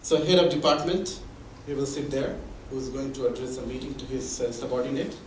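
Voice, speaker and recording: A man with a medium-pitched, darkish voice presents fairly quickly at a mentoring event, explaining with examples and many restarts in a conversational way. The sound comes from far off in an echoey meeting room or hall, with a little hiss or hum.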